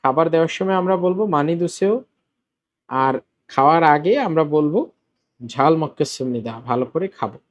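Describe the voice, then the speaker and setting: A man teaching a Korean lesson in Bengali, explaining step by step, repeating words slowly and asking the class questions. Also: fairly high pitch, highs cut off. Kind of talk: classroom-style language lesson.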